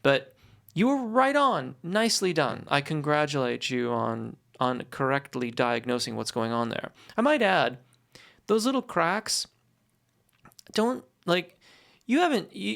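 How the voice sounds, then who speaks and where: A voice teacher answering questions in a conversational, explanatory way, with encouraging, reassuring and deliberate, articulate phrasing. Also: mid-range voice, lively intonation, creaky, a bit bright.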